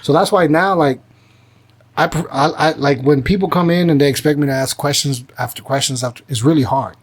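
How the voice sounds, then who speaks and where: A man's voice: a little high, fairly quick, slightly rough. A man hosting a podcast in casual conversation, candid and self-deprecating as he reflects on his early episodes. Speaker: podcast host.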